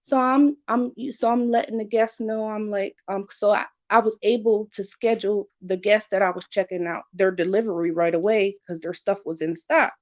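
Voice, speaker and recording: A woman's voice: mid-range voice, steady tone, moderate pace, hardly any pauses, muffled recording. A woman telling a story casually and animatedly, acting out both sides of conversations. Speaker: furniture store office manager in customer service.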